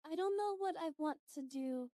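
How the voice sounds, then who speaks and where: A woman's voice: sits high, moderate pace, warm tone, no echo, studio quality. A woman livestreamer chatting casually, rambling and trailing off as she goes. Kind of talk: casual livestream chat and reactions.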